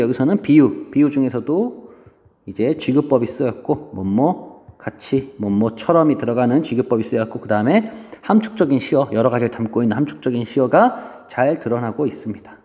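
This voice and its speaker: A male teacher giving an online lecture, explaining step by step with fillers, pausing as he writes notes. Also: medium pitch, lively intonation, warm tone. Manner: explains slowly while writing, frequent fillers. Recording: dull lo-fi audio, long reverb, faint noise.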